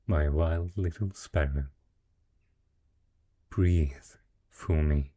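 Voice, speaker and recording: Here a man plays a rich dragon wearing human guise, a merchant patron who is possessive and teasing, slowly and courteously coaxing the listener in an intimate fantasy romance roleplay. His exaggerated voice is low-pitched, mellow and husky, and the mood is soothing yet possessive.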